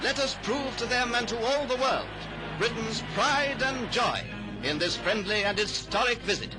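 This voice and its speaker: Pitched extremely high and moving at a moderate pace, a man's voice declaims patriotic 1930s newsreel narration in a grand manner. The old soundtrack is rough and sits beneath loud music.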